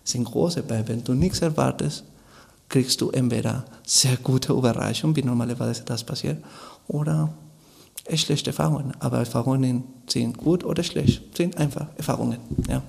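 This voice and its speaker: A man's voice: medium pitch, normal speed, gravelly, a little mellow. A man, a Spanish speaker being interviewed in German on local radio, speaking hesitantly with frequent restarts as he searches for words. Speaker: guest, Spanish course teacher.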